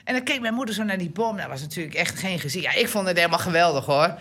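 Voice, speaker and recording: A woman's voice: on the low side, rapid-fire, slightly rough. A woman in her sixties from Groningen with a Groningen accent, chatting as an interview guest and telling stories with fillers and laughter. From Groningen, Netherlands. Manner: chatty, animated, laughs often, many fillers and restarts. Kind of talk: relaxed personal storytelling.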